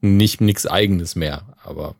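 A man with a low, gravelly voice reasons his points through in casual podcast chat. The recording is close and dry, with no room sound. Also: measured pace, darkish tone, no echo.

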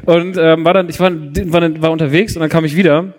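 A man with a high voice tells a funny personal story in a loose, rambling way. He keeps restarting sentences and slips into acting out the other people in the story, as he would in a relaxed podcast chat between friends. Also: brisk, long reverb tail. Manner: rambling, lots of restarts and acted-out dialogue. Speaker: podcast co-host. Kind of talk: casual comedic storytelling.

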